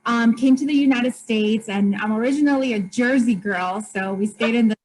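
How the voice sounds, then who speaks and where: A Colombian store owner in her thirties or forties, a guest on a video call interview, speaks openly and earnestly at normal speed. Her voice is a little high and a little mellow, and she talks about hard times steadily. The low-quality recording has some hiss or hum.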